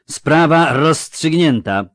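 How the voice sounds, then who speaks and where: A male audiobook narrator voicing a loud, commanding, coarse male dwarf officer in a storybook reading. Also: mid-range voice, big pitch swings, normal speed, no echo, clean studio sound, voice pushed up, close to an everyday voice. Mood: booming.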